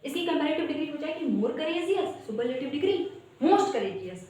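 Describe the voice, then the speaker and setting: A mellow, high female voice with big pitch swings teaches English grammar online at a moderate pace. The room is very echoey; she explains step by step, calls viewers "guys," and sings out her word lists.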